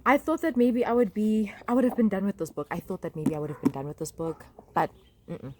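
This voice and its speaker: A young adult woman talks straight to her viewers in a loose, rambling vlog. Her voice sits at an ordinary middle pitch. She fills her talk with "like", "um" and side remarks, and a faint noise sits under her voice. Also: brisk. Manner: chatty and rambling, with many fillers and asides. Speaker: vlogger. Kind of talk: casual talk to camera.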